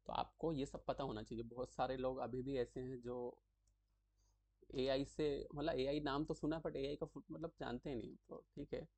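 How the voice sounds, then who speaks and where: A man's voice: mid-range voice, a little mellow, dry recording. Chatty man explaining terms, dry sound. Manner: chatty, repeats terms slowly, frequent "thik hai" check-ins. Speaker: tutorial creator explaining acronyms. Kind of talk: casual explanatory lesson.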